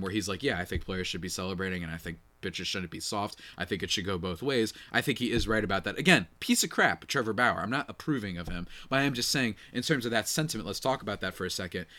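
A man hosting a casual solo sports podcast, slightly nasal and congested, talking in an animated, slangy way with chatty asides to listeners. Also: mid-range voice. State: congested from a cold night.

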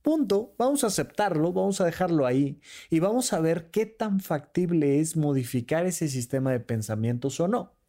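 A man hosts a podcast about relationships, keeping it casual and playing out couples' spats in brisk quoted voices. His animated manner has him moving between high and low pitch.

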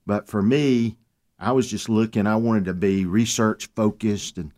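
A man, a guest on a talk radio show, telling his story in an earnest, animated way. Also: fairly low pitch, measured pace. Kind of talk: casual radio chat.

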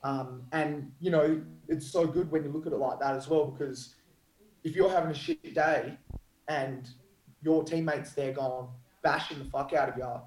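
A man's voice: fairly high pitch, steady tone, normal speed, darkish tone. An Australian man speaking as a podcast guest in casual, slangy, matey interview chat. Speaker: podcast guest, Muay Thai fighter. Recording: roomy, echoing sound.

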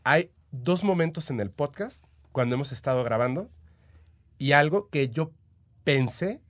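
A man's voice: on the high side, expressive, a little slow. A man with a Mexican accent, a podcast guest telling stories in casual chat, eager and full of fillers. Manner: chatty, eager, full of "o sea" and "este" fillers. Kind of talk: casual storytelling.

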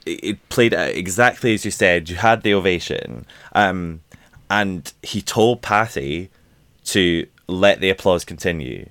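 A man with a low voice talks about stage shows in an eager, animated way, breaking off to act out lines. His voice is close and dry, with no room sound. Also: measured pace, dry recording. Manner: enthusiastic, animated, acts out lines. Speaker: podcast co-host discussing musical theater. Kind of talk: casual chat.

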